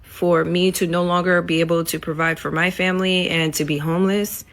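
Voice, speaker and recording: A woman giving argumentative social media commentary in a deliberate way, posing rhetorical questions. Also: lowish voice, flat delivery. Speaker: business owner.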